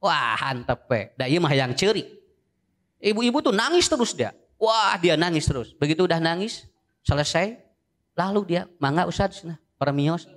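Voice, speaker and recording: A man's voice: on the high side, big pitch swings, moderate pace, fairly bright tone. A male Islamic preacher with a Sundanese accent, giving a sermon in a joking, storytelling way that switches between two languages.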